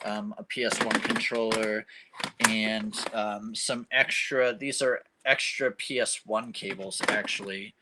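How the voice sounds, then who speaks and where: A young man in his game room shows off his gear to a phone camera, rambling with lots of ums and uhs in casual show-and-tell. His voice is low and flat, his pace measured, and the background is noisy.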